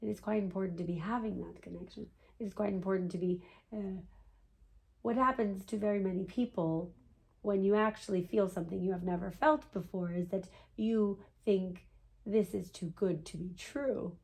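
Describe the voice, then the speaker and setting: A woman's voice: medium pitch, normal speed, vocal fry, darkish tone, lightly acted. A woman as a seance medium voicing a patient, knowing spirit guide, with formal stilted phrasing and frequent questioning tags. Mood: gently probing. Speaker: trance channeler answering a client's questions. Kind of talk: seance medium channeling session.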